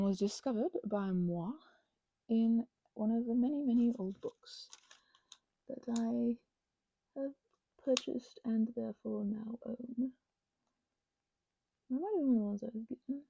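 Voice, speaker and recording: On a low-quality recording, a woman with a slightly high, creaky, mellow and somewhat rough voice crafts and rambles in casual ASMR style. As a crafting vlogger, she whimsically talks to herself and the items in her hands, now and then dropping to almost a whisper.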